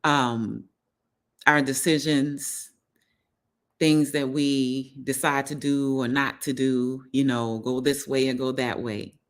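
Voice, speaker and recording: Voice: mid-range voice, steady tone, slow pace. Earnest live-stream wellness host. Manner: repeats phrases for emphasis, many "you know" fillers; earnest, encouraging. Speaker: holistic health coach hosting a live stream. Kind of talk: casual heartfelt live-stream talk.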